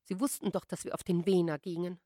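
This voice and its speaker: A woman's voice: on the low side, level tone, fast talker, mellow, dry recording, studio quality, pitched above the performer's own voice, lightly acted. A woman voicing a prim, anxious spinster who speaks with mild disapproval. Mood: disapproving. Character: anxious unmarried sister-in-law, prim spinster.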